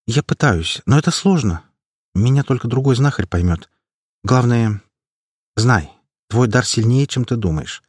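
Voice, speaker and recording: A man voicing a young female healer who speaks softly and earnestly, a little worried, in an audiobook. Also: mid-range voice, animated, a little slow, slightly rough, no room sound, studio quality, pitched above the performer's own voice. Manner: soft, earnest and slightly worried.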